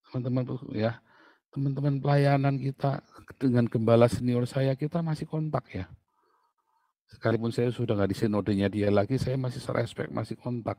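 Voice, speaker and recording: A man's voice: medium pitch, darkish tone, no room sound. A man preaching in a casual, joking way, reading scripture and then chatting and laughing as he comments. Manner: mimics other people's speech. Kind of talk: informal sermon with scripture reading.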